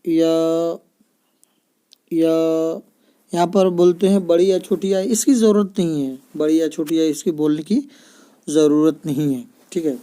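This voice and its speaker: Fairly high in pitch yet dark in tone, this man's voice stays fairly even at a moderate pace as he teaches children Arabic letters. He patiently explains reading, often checks in with listeners, and repeats points with "ठीक है ना."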